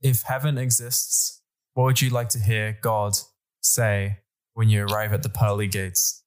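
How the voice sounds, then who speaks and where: A man's voice: lowish voice, flat delivery, unhurried, smooth. A man hosting a podcast, casually asking questions and leading playful games. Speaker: podcast host. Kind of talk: casual chat.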